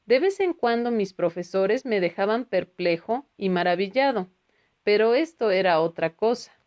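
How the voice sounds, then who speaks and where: A woman narrating a spiritual book aloud at a measured, even pace. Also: medium pitch. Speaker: audiobook reader.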